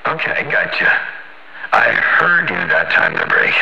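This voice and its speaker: A man's voice: lowish voice, big pitch swings, measured pace, vocal fry, sharp tone. A man on a CB radio, chatting casually in a rambling, folksy way full of CB slang, heard over the radio transceiver. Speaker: CB radio operator. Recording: muffled CB radio with static.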